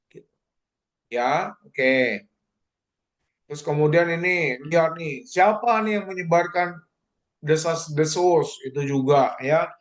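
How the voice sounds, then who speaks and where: A middle-aged man giving a casual university lecture, animated and jumping up in pitch to mimic people.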